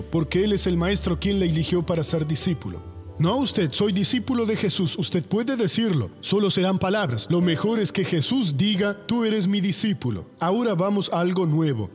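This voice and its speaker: A man's voice: sits high, long reverb tail. An older man preaching a sermon, emphatic and asking rhetorical questions he answers himself.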